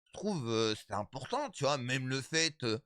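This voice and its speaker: Animated 35-year-old male streamer. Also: mid-range voice, normal speed, dry recording, studio quality. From Italian background. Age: 30s. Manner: animated, repetitive, addresses chat as brothers. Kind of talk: casual stream chat to viewers.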